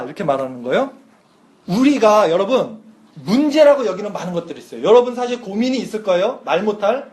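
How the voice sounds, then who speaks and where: Man in his thirties, youth pastor, high voice, casual sermon, rhetorical questions, slow scripture reading. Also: a little mellow. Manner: casual, chatty preaching with rhetorical questions to teens; reads scripture aloud slowly.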